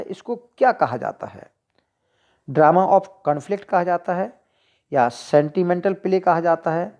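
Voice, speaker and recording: Woman, teacher, Hindi accent, slow measured delivery, mellow tone, exam-prep lesson. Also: fairly low pitch. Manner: reads questions slowly, then explains options.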